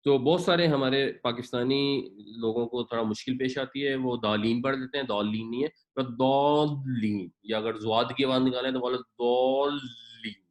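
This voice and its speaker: A man teaching an Urdu Quran class, explaining patiently and drawing out Arabic words slowly to show their pronunciation, with English words mixed in. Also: medium pitch, fairly even intonation. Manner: mixes English words into his speech. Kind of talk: Urdu Quran lesson with word-by-word translation.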